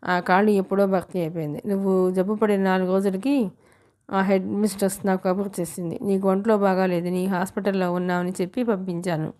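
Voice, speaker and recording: A woman's voice: medium pitch, flat delivery, a little fast, a little mellow, lightly acted. A woman voicing a practical, frank young female friend in an audiobook novel.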